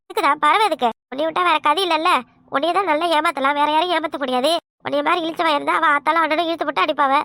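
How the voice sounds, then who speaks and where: A woman's voice: high voice, very fast, sharp tone, no echo. A woman voicing a harsh older village mother-in-law with a Kanyakumari Tamil accent, scolding and insulting in a cartoon comedy. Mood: scornful.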